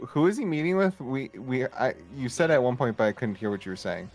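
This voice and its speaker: A man's voice: mid-range voice, very animated, brisk, a little mellow. A man plays his part in a tabletop game, hesitant and stammering through his lines. He talks in an ordinary casual voice. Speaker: player.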